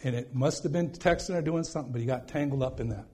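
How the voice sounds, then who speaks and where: A man's voice: medium pitch, fast, dark tone, breathy edge. A man preaching a sermon in a folksy, rambling way, often checking in with "okay?".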